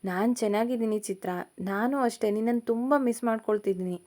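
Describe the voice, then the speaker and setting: A woman voicing an affectionate young male college student who speaks gently and reassuringly in a storybook reading. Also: fairly high pitch, brisk, close to an everyday voice.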